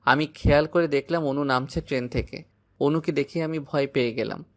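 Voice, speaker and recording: A man's voice: on the high side, normal speed. A man narrating a dramatic first-person audio story, anxious and despairing.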